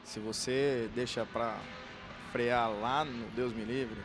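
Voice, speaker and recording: A man's voice: mid-range voice, fairly even intonation, takes it slowly, over music. A man with a Brazilian accent co-commentating live on a motor race in an informal, conversational way. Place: commentary booth at a racetrack. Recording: loud car and trackside noise behind.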